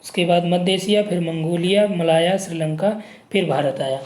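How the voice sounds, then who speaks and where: A man's voice: sits high, fairly even intonation, normal speed, darkish tone. Man teaching exam prep, echoey room. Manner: reads options aloud, frequent "ठीक" checks. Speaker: geography teacher.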